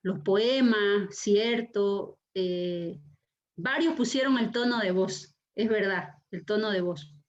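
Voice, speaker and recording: Expressive woman lecturing over a muffled video call. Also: mid-range voice. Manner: very expressive, emphatic, slows to stress words. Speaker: university lecturer and session host. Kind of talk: online class lecture. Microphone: video call microphone. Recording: dull lo-fi video call audio.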